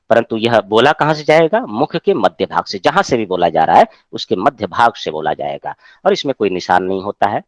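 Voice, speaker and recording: A man's voice: lowish voice, no echo. A man teaching a Sanskrit class online, explaining patiently and often checking with his students.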